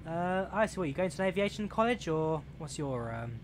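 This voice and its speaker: An expressive voice on the high side, moving a little fast, comes from a young English man of about twenty. He casually chats with his live-stream viewers as he plays a train simulator, reading the chat aloud amid many fillers. The game's engine and rail sounds are clearly heard in the background.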